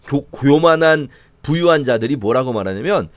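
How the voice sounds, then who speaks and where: Lively Korean pastor, dry close sound. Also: male voice, mid-range voice, moderate pace, dry recording. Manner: conversational, acts out mocking voices of the scoffers. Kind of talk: sermon-style Bible reading commentary.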